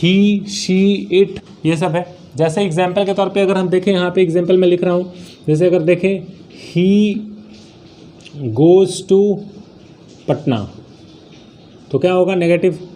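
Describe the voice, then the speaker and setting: A man teaching an English grammar lesson, who asks the class questions and then answers them himself, and reads his example sentences out slowly. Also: sits high, little pitch movement, warm tone, a little hiss or hum. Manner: slow, drawn-out reading of example sentences. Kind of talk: grammar lesson explained in Hindi.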